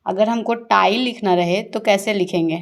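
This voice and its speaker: A woman teacher goes through a shorthand lesson step by step. She asks her pupils a question, then answers it herself, and draws out each key word slowly so they can follow. Her voice sits at an ordinary middle pitch. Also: creaky. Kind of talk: classroom-style shorthand lesson.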